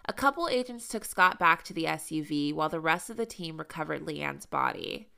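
A woman's voice: low-pitched, big pitch swings, brisk, vocal fry, sharp tone. A woman co-hosting a true crime podcast, reading the case story aloud with blunt, salty asides. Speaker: podcast co-host.

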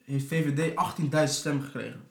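A young man in casual chat with friends, quick and questioning. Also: a little high, gravelly. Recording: echoey room with faint noise.

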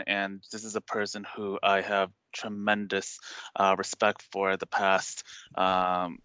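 A male podcast host with a lowish, bright and forceful voice. He talks in an earnest, respectful way. The sound is dry and close, with faint music behind. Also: clear, resonant tone, dry recording. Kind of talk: podcast interview.

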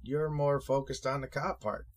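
A man's voice: mid-range voice, fairly even intonation, normal speed. Blunt guy cohost, mid voice, casual opinion chat, lots of swearing. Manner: blunt, profane. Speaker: co-host.

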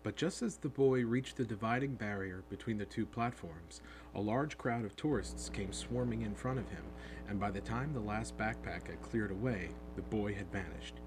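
A man narrating a storybook in an expressive, animated reading, heard over a steady hum. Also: on the low side, normal speed. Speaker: audiobook narrator.

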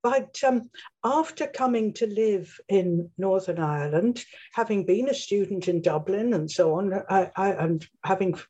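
An older woman with an English accent, talking reflectively and discursively as an interview guest, with a husky voice. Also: medium pitch, lively intonation, unhurried, dark tone, dull audio. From England. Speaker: guest, name studies scholar.

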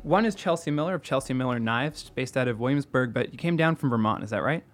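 A podcast host with a medium-pitched, animated voice opens with a scripted introduction delivered in a measured, deliberate way, then moves on to interviewing guests. Faint music plays in the background.

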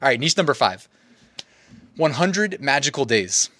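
A man's voice: medium pitch, big pitch swings, measured pace, bright, forceful tone, no room sound. A young adult man, out of breath, chatting loosely about his research and laughing at himself. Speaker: YouTuber sharing niche research. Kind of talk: casual screen-share commentary.

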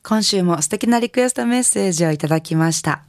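A middle-aged woman with a Kansai accent, a singer hosting a radio music show in a relaxed, chatty, rambling way. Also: lowish voice, fast, no room sound, clean studio sound. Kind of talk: casual radio DJ talk.

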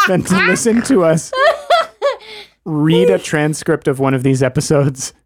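A man's voice: a little high, big pitch swings, a little slow, background noise. A man co-hosting a podcast, talking through a TV episode in a thoughtful, analytical, wordy way. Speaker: podcast co-host. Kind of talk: casual chat.

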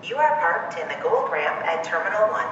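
A woman's voice: on the low side, lively intonation, normal speed, a little hiss or hum. A woman reading a formal recorded message that plays over an airport public address speaker in a parking garage. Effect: played over an airport public address speaker. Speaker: emergency communications supervisor. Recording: distant, muffled loudspeaker in a very echoey garage.

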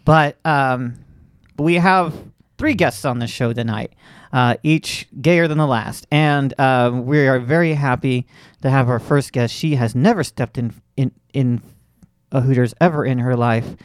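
A man's voice: mid-range voice, a little slow, no echo, clean studio sound. Wry, chatty male podcast host. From Central Florida. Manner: chatty, wry, with many restarts and fillers. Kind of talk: casual comedy podcast hosting.

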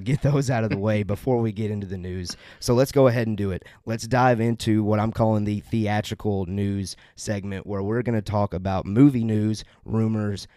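A man with a lowish, dark-toned voice hosts a casual podcast, sounding upbeat and loose as he stumbles through plugs and corrects himself along the way. The recording is close and dry, with no sense of room.

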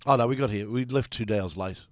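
An Australian man co-hosting a sports podcast, his voice husky from a cold, telling stories and laughing. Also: mid-range voice, a little fast, dry recording, studio quality. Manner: storytelling, laughs often. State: husky from air conditioning. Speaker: podcast co-host. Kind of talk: casual sports podcast chat.

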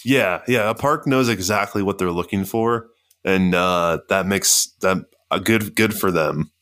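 A man co-hosting a podcast, chatting casually and telling stories in a relaxed way. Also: low voice, measured pace. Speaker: podcast co-host. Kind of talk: casual chat.

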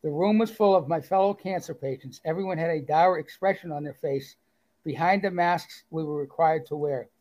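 In a casual interview, a male author guest with a Boston accent reads his story aloud and chats with self-deprecating good humor, using fillers along the way. His voice is a little high and a little mellow, at normal speed, and the audio is poor.

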